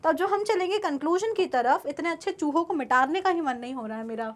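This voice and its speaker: A woman's voice: sits high, lively intonation, fast. A young woman teacher giving an online class lecture. She keeps asking her students questions and then answers them herself.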